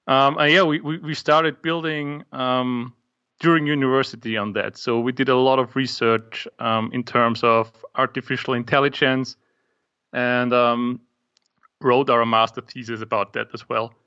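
Young Austrian man, bright lo-fi call. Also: medium pitch, level tone, measured pace, smooth. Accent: Austrian German. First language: German. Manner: hesitant, many ums. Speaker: guest, app maker. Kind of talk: casual interview. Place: home office. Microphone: remote call.

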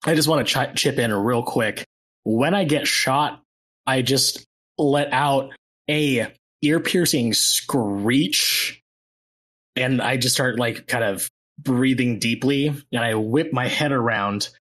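A man's voice: mid-range voice, takes it slowly, fairly bright tone. A man playing a tabletop game, joking and reading out rules in a slangy, playful way. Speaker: player. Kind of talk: casual tabletop play.

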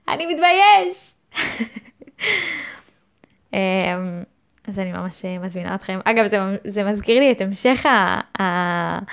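A woman's voice: mid-range voice, smooth. A woman hosting her own podcast, speaking in a thoughtful, hesitant monologue with frequent restarts. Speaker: podcast host. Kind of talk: reflective solo monologue.

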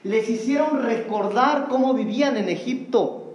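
A man's voice: very high voice, normal speed. A man preaching an earnest sermon, addressing the congregation as brothers.

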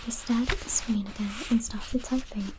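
A woman reading a novel aloud in a breathy, mostly unvoiced ASMR whisper. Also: fairly high pitch, steady tone, normal speed, warm tone, slight background noise.

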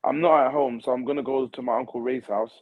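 Dull lo-fi sound, man, London accent, medium pitch, casual football fan banter, laddish slang, protesting manner. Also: fairly even intonation, fast talker. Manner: slangy, laddish, protesting, calling people fam and bruv.

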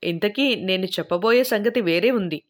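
A woman's voice: medium pitch, moderate pace, lightly acted. Woman reading as a matter-of-fact man explaining. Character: chatty man explaining life abroad. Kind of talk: audiobook character reading.

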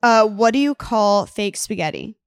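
A woman's voice: mid-range voice, animated, normal speed, clear, resonant tone, no room sound, clean studio sound. A woman co-hosting a podcast in casual chat, reading listener reviews aloud. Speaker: podcast co-host.

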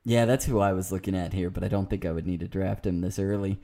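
A man's voice: deep voice, fairly even intonation, fast, mellow. A man co-hosting a casual football mock draft chat, joking and playful.

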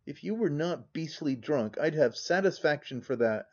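A man voicing a proud, stiffly indignant young gentleman, heard on a dull, lo-fi recording. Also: a little high, expressive, normal speed.

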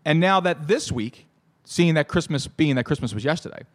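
A man in his thirties with a hoarse, shot voice, hosting a casual show solo in a halting, jokey, self-correcting way. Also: fairly high pitch, animated. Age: 30s. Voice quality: hoarse, worn-out voice. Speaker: solo host of a fantasy football show.

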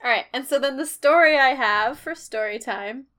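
A woman's voice: sits high, moderate pace, sharp tone. A young woman co-hosting a podcast, casually retelling a story and acting out the characters' lines. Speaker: podcast co-host.

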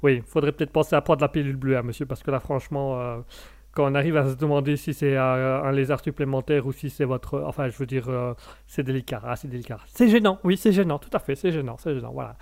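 A man's voice: mid-range voice, quick pace, darkish tone, voice pushed down, natural voice. A man doing an awkward customs officer. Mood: embarrassed. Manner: embarrassed, stammering politeness.

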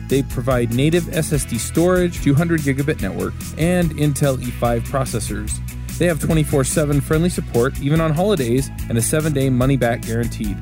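A man reading a scripted sponsor ad. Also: medium pitch. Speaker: ad reader. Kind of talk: scripted ad read. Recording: guitar music behind.

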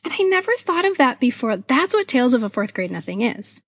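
This middle-aged American podcast co-host and children's author recounts childhood memories in a casual, expressive, very animated way. Her voice is on the high side, slightly rough, and a little fast, captured in a clean studio with no room sound.

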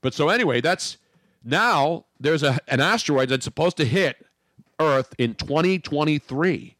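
Male sports radio host, brash and joking, lively swings in pitch, dry close studio sound. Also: measured pace, no echo. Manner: brash, joking, animated rants. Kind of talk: casual sports radio banter.

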